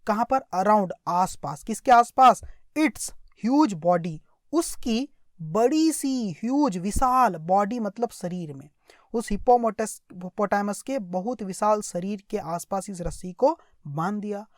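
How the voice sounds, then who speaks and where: In a clean studio recording with no room sound, a woman teaches English through a story. She has an Indian accent, a mid-range voice, and lively intonation, and she goes line by line with translation, word explanations, repetition, check questions, and slow read-aloud sentences.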